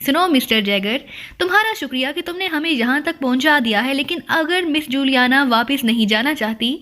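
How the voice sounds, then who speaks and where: A calm male secret agent who keeps his cool under threat, voiced by a woman narrator. He speaks in an even, level way, and the voice sits fairly high. He stays composed when others shout.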